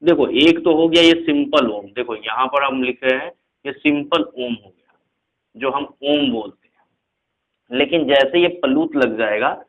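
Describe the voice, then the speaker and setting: A man teaching a casual spoken lesson. He explains slowly with repeated examples, mixes in English words, and keeps checking in with "theek hai". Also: mid-range voice, highs cut off.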